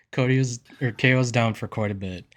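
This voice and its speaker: A man's voice: medium pitch, normal speed. A man co-hosting a wrestling podcast, talking casually in a rambling, hesitant way. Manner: rambling, hesitant, many fillers and restarts. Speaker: podcast co-host.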